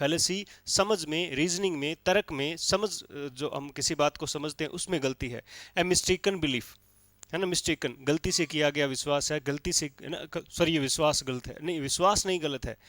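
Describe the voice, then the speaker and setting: A male teacher delivers a spoken classroom lecture, walking through the material step by step and frequently checking with listeners using phrases like "theek hai." His voice is a little high with a fairly bright tone, and there is no room sound.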